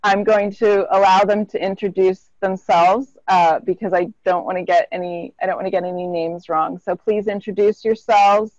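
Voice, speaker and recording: A woman's voice: mid-range voice, fairly even intonation, darkish tone, highs cut off. A woman hosting an online town hall, speaking earnestly and sometimes restarting her phrases. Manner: earnest, with some halting restarts. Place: small indoor room. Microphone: webcam on a video call.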